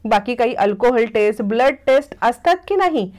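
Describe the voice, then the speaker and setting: A woman's voice: on the high side, lively intonation, moderate pace, lightly acted. A woman reading a scornful young woman. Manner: scornful, sharp.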